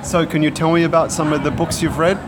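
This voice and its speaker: Higher-pitched male interviewer, noisy surroundings. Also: flat delivery, fast. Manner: patient, rephrases questions simply. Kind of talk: conversational interview questions.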